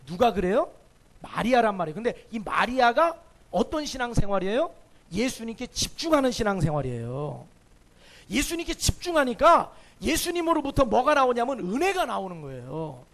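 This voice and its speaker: Male pastor, high and animated, emphatic sermon with rhetorical questions.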